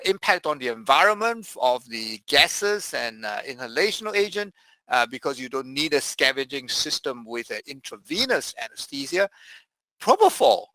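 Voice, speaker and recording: Bright-voiced man giving a medical lecture. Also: fairly high pitch, dry recording, low-quality recording. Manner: measured, with frequent "uh" fillers. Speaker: anesthesiologist lecturer. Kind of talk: medical presentation.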